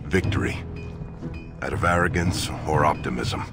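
A man with a very deep voice and vocal fry voices an earnest, grave dwarven nobleman seeking his lost brother in a fantasy video game. He narrates and speaks dialogue in a solemn, formal, measured way, in dramatic scripted game audio playing under loud music.

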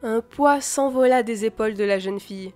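A woman reading a fantasy novel aloud, expressive and shifting voices for the dialogue. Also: fairly high pitch, normal speed, soft background music. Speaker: audiobook reader.

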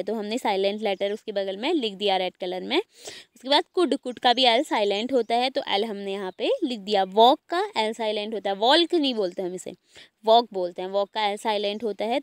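A woman teaches an online class in a smooth, clear voice pitched a little high. She poses questions to her students and then answers them herself, one step at a time. The recording is dry and close. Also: a bit bright, no echo. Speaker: school teacher.

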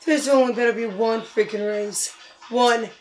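A woman playing a racing game, commentating with swearing and frustrated yelling. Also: fairly high pitch, steady tone, measured pace, soft background music. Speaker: gamer. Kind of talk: gaming commentary.

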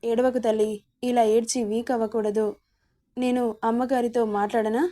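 Caring middle-aged mother, read by a woman, soothing, flat. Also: on the high side, normal speed, close to an everyday voice. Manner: soothing, worried.

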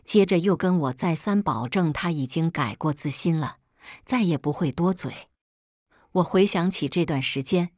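A woman narrating a scripted first-person family story in a dramatic, expressive way. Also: fairly low pitch, dry recording, clean studio sound.

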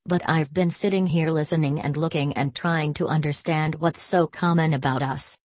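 A woman's voice: low-pitched, fairly even intonation, normal speed, darkish tone, dry recording. Woman reading a young man's rousing speech. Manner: oratorical, building rhetoric. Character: nervous young male speaker rousing a crowd.

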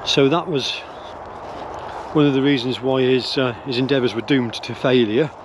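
Out in the woods with his dogs, an older man from England films a rambling opinion vlog on a handheld camera held close at arm's length. He muses hesitantly, restarting often and using many fillers. His voice is medium-pitched and steady at a moderate pace over background noise.

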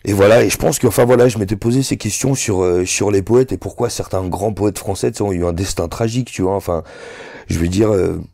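Sitting down as a guest for a casual interview chat, a thirty-something rapper who isn't a native French speaker talks in loose slang, peppering his speech with "tu vois". He speaks fairly quickly in a warm voice on the low side, with vocal fry, and there's no echo.

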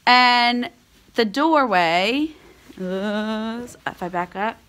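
A middle-aged woman who farms alpacas records a relaxed, explanatory vlog on a phone held out at arm's length inside a chilly wooden barn. She talks very slowly in a fairly high, slightly bright voice with lively intonation.

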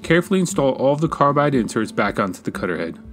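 A man, a woodworking channel host, giving calm, measured step-by-step voice-over instructions. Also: medium pitch. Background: faint guitar music.

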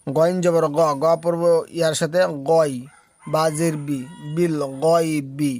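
A man's voice: fairly high pitch, flat delivery, measured pace, darkish tone. A man teaching Quran reading from Bangladesh, spelling out Arabic letters one syllable at a time and drawing out the long vowels. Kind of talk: slow spelled-out recitation lesson.

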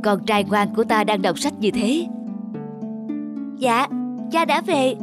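A woman with a voice on the high side speaks slowly and expressively. She narrates a cartoon folk tale and voices every character herself, acting it out over background music.

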